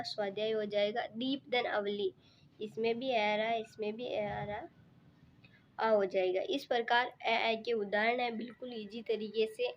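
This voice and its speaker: A woman with a slightly raised voice works through a grammar lesson for exam students. She repeats every step patiently and checks in often. The recording sounds dull and lo-fi. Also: slight background noise. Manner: repetitive, patient step-by-step explaining. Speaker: teacher. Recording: muffled low-fidelity recording.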